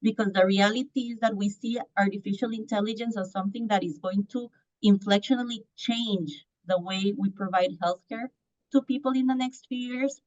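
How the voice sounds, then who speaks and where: In muffled, lo-fi audio, a Costa Rican startup founder in her thirties responds on a panel with earnest answers, frequently restarting and using fillers. Her voice is mid-range with a darkish tone.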